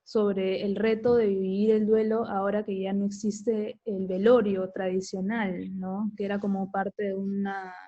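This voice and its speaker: A woman with a Peruvian Spanish accent moderating an online panel, asking a halting question. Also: mid-range voice, flat delivery, lo-fi sound. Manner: brief acknowledgments, halting question.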